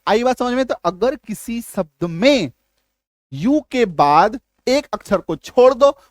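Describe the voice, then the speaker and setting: High-voiced man teaching English spelling. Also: no room sound, studio quality. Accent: Hindi. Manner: explains patiently, repeats points and checks understanding. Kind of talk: spelling lesson.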